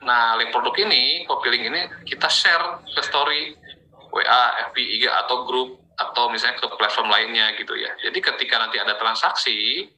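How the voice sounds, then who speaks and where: A man leads an affiliate marketing training as a casual, explanatory sales presentation, his medium-pitched voice sharp in tone. Conversational throughout, he keeps checking in with listeners via small filler tags. The audio is poor.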